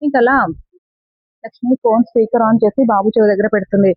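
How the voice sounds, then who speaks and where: A woman's voice: a little high, a little fast, breathy edge, no echo, dull audio. A woman retelling a TV serial episode scene by scene in a casual spoken way, quoting the characters' lines as she goes. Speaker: serial recap narrator. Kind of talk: casual spoken story recap.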